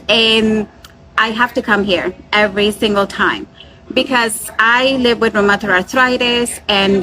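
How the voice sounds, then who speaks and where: A woman's voice: medium pitch, bright, forceful tone, low-quality recording. A woman dietitian hosting a casual chat in a restaurant, enthusiastic and upbeat. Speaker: dietitian and host.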